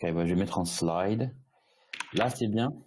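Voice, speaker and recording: A man's voice: low voice, darkish tone. A man from Britain with a British English accent, presenting a webinar over a video call in French, hesitant with many restarts. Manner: halting, many restarts and fillers. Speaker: guest speaker, e-commerce agency head.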